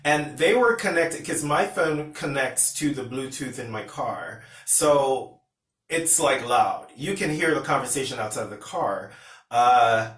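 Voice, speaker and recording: An animated Pennsylvania vlogger speaks a little slowly in a medium-pitched, fairly bright voice. He tells a personal story to camera casually and ramblingly, with restarts and retold dialogue, recorded in a roomy space away from the mic.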